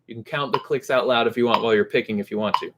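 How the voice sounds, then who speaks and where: A middle-aged man teaching guitar at home in a relaxed, casual way, chanting rhythm syllables to show the tempo. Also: mid-range voice, very fast. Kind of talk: casual instructional talk. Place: home room. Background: faint metronome clicks and guitar.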